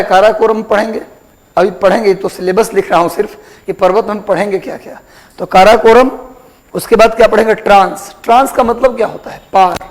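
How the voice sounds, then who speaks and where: The audio is poor in this classroom lecture, where a man with a high voice teaches geography. He says terms again and again and questions his students.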